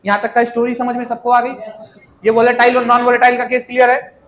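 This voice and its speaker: A man's voice: extremely high pitch, completely flat delivery, fast, a bit bright, roomy sound. A male chemistry teacher, lecturing playfully and quizzing students with everyday examples. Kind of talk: classroom lecture.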